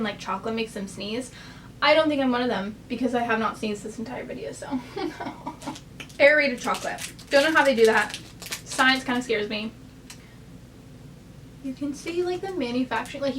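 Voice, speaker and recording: A woman's voice: on the high side, fairly quick, fairly bright tone, recorded from a distance, a little hiss or hum. A young American woman vlogging casually from her bed, rambling chattily with lots of fillers. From United States. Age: young adult. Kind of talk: casual chat. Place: in bed, bedroom.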